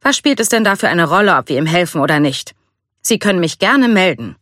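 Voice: mid-range voice, moderate pace, a bit bright, no echo, clean studio sound, lightly acted. A reader voicing a blunt, combative young male soldier in a storybook read-aloud, speaking defiantly.

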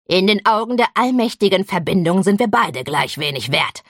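A sneering, quarrelsome male troll, as a woman puts him on for an audiobook. He mocks and scoffs and swings up and down in pitch. Dry, close sound. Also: expressive, moderate pace, fairly bright tone, no room sound. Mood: scornful. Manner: mocking and scornful.

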